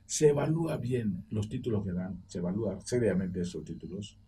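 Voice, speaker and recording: Older man, from Equatorial Guinea, animated storyteller, mellow voice, distant mic, faint noise. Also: on the low side, brisk. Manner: animated anecdote-teller, acts out quoted voices. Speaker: debate guest, former school director. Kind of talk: roundtable debate. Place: TV studio.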